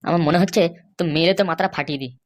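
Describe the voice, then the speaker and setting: A woman's voice: sits low, very fast, natural voice. [name], a woman doing a hot-tempered husband. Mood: angry. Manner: angry, threatening, shouting insults. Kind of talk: cartoon voice acting.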